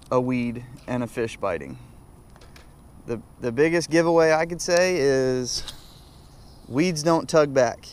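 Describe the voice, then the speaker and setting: Young man, fishing vlogger, easygoing and chatty, outdoors on a lake, faint background noise, head-mounted camera mic. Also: mid-range voice. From South Carolina. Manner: easygoing, chatty, talks to viewers while fishing. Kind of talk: casual commentary while fishing. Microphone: head-mounted action camera.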